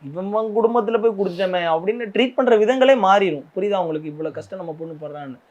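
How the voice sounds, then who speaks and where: A man's voice: high-pitched, a little mellow, lo-fi sound. A young man, an interview guest, speaking earnestly and with hurt about his family and his in-laws. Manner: earnest, hurt, rapid talk. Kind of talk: emotional interview.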